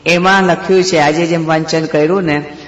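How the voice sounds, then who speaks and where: A man preaches through devotional stories with a rather high voice, stopping to explain them and pose rhetorical questions. His voice echoes around a large hall with a long reverb tail. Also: steady tone, normal speed, a bit bright. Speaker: devotional storyteller. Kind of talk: devotional story sermon.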